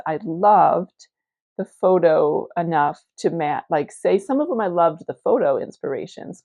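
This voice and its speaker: A woman's voice: on the low side, gravelly, dark tone, dry recording. A woman in her forties chatting casually in a vlog recorded as a phone video, meandering and thinking aloud as she talks. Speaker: knitting vlogger. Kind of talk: casual morning vlog chat. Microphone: phone camera.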